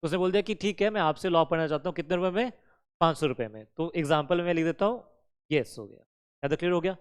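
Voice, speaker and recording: High, smooth-voiced male law teacher. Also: fast talker. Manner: keeps quizzing students with questions and answering them himself; mixes English terms and sentences into his teaching. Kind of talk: classroom lecture.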